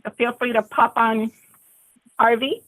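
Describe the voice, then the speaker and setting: A woman's voice: on the high side, fairly even intonation, unhurried, a bit bright, rough recording. A woman chairing an online meeting, friendly and welcoming as she runs through the agenda. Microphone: video call.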